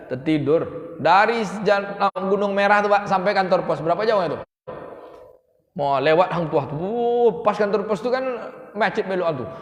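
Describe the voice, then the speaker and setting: A man, an ustaz giving a lively sermon and telling stories with emphatic exclamations. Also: sits high, dull audio. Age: 30s. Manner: animated storytelling, rising to emphatic exclamations. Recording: echoey hall with long reverb.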